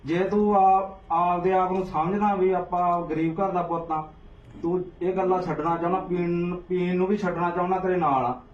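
A man's voice: high voice, steady tone, moderate pace, distant mic. A man confronting and lecturing someone on the street, scolding and repeating his demands. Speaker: activist confronting a drug seller. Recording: echoey, dull, noisy phone video.

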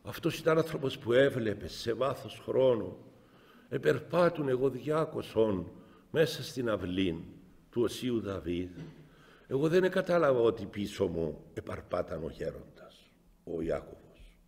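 A middle-aged bishop with a Cypriot Greek accent gives a spiritual talk in a chapel. His voice sits at an ordinary middle pitch and carries a long reverb off the walls. He tells stories, jumping from loud cries to quiet asides. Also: vocal fry. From Cyprus. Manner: storytelling, lively swings between loud exclamations and soft asides. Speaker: metropolitan bishop. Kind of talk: spiritual talk answering the faithful.

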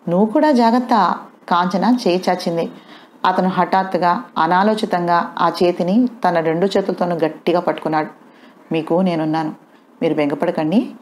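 A woman reads a novel aloud with steady, scripted narration. Her voice sits somewhat low and even. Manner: steady storytelling.

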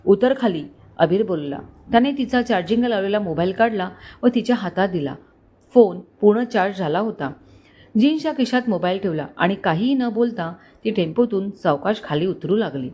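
A woman storyteller reading a scripted romantic story aloud in a steady, expressive way. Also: medium pitch, brisk, breathy edge.

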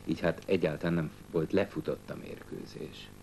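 A man's voice: sits low, steady tone. A man in his sixties presenting a television football round-up from a studio. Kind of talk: studio sports news presentation. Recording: old TV broadcast, clear background noise.

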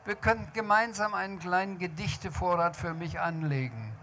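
Brief: an author playing a fussy, genteel older poet, a touch patronising, storybook reading. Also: male voice, high-pitched, normal speed, bright, forceful tone, a little hiss or hum, pitched above the performer's own voice. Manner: genteel, a little condescending.

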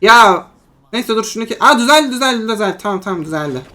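A young adult mobile-game creator narrates a match in a chatty, friendly way, as if talking to friends. The voice sits at a medium pitch and jumps into excited yelps and shouts in tight moments. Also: fast talker. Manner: excitable, bursts into yelps and shouting in tense fights; chatty, addresses viewers as friends. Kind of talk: live gameplay commentary.

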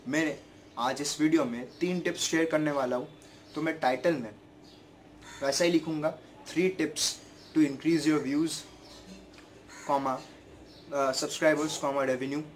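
Speaking slowly with long pauses, this young adult YouTuber has a steady, somewhat high voice and a sore throat, with slight background noise. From his bedroom, facing a desk-distance camera, he earnestly and repetitively shares channel-growth advice in a casual vlog, hands moving constantly.

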